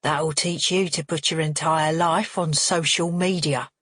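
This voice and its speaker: A woman's voice: deep voice, steady tone, measured pace, fairly bright tone, slightly rough, dry recording, studio quality, exaggerated voice. A woman voicing a crude, menacing middle-aged father who sneers and needles everyone at the table. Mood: sneering.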